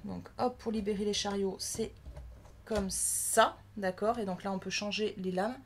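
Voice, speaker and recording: A woman's voice: mid-range voice, fairly even intonation, a little slow, slight background noise. A woman from France giving casual, chatty unboxing commentary, thinking aloud as she handles a new crafting machine. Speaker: crafting vlogger.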